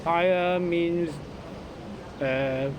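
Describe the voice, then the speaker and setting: A man from Hong Kong with a Cantonese accent and Cantonese as his first language, talking as a student in a casual lesson, halting and repeating words and short phrases. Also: fairly high pitch, fairly even intonation, a crowd in the background. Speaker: student in an English writing lesson. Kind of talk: casual one-to-one lesson talk.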